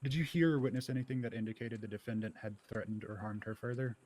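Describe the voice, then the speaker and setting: A man's voice: lowish voice, fairly even intonation, quick pace, darkish tone, natural voice, low-quality recording. A man playing a methodical trial lawyer who puts formal, probing questions in a courtroom role-play.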